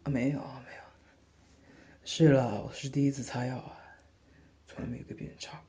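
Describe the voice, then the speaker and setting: A man voicing a gentle, doting older brother who comforts and teases softly in a whispered role-play. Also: medium pitch, flat delivery, moderate pace, close to an everyday voice. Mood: soothing. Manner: soft, soothing, coaxing, lightly teasing. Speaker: older brother tending a sister's wound.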